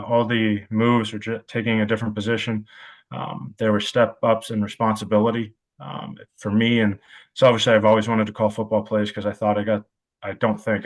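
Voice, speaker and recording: A low-voiced man in his thirties speaks as a guest on a podcast. He is reflective and halting, often pausing on filler sounds. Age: 30s. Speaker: wide receivers coach. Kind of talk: podcast interview.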